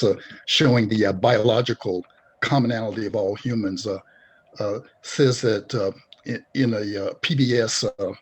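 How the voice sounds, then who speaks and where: A man leading a group discussion, speaking thoughtfully and pausing often with fillers. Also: fairly low pitch, breathy edge. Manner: thoughtful, halting with many fillers. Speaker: discussion host.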